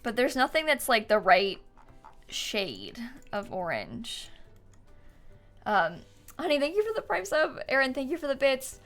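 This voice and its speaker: A young woman live-streaming a game chats informally with her viewers in a giggly way. Her voice sits high with big pitch swings and a slightly bright tone, at a measured pace with frequent pauses. Music plays behind her, along with the sound of typing.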